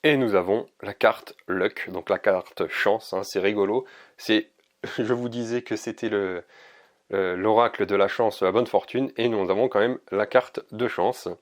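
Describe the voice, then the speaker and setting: A man giving a casual oracle card reading to camera, hesitant and gentle, with many fillers and restarts. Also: fairly low pitch, unhurried.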